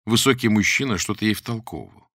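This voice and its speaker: A man reading an audiobook aloud in an expressive storytelling manner. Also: fairly low pitch, brisk, no echo, studio quality. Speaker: audiobook narrator. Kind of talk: scripted narration.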